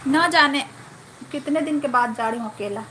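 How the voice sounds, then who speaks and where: A woman's voice: sits high, normal speed, sharp tone, a little hiss or hum. A woman hosting a casual live stream from home on a phone camera, chatting and thanking viewers one by one.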